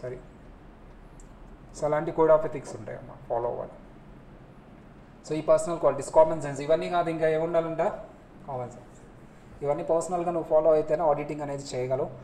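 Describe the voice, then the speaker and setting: A man's voice: fairly high pitch, brisk, long pauses. A man teaching a class, quizzing his students and acting out little scenes as he goes. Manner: lively, asks students questions, acts out scolding scenes. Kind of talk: classroom lecture. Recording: echoey room, faint noise.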